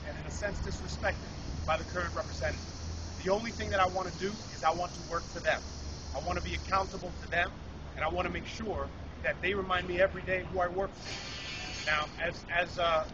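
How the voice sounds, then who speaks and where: A man from Puerto Rico, a candidate, earnestly accepting endorsements in an outdoor press statement, repeating his phrases. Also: high voice. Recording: distant dull outdoor recording with loud traffic.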